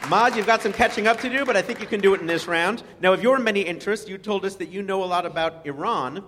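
A man hosting a live game show, upbeat and jokey, quick to laugh. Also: sits high, bright, forceful tone, some chatter behind, slight background noise. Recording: hall reverb, live audience.

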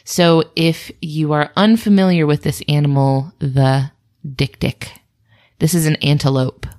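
A woman's voice: low voice, steady tone, a little slow, a little mellow. A woman hosting a casual animal review podcast, chatty and playful with dry jokes. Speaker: podcast host.

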